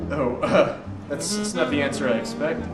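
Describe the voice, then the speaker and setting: A man's voice: on the high side, animated, moderate pace, close to an everyday voice. A young man playing a cocky, clueless private eye in an amateur comedy film, smug and matter-of-fact, recorded from a distance in an echoey room with music.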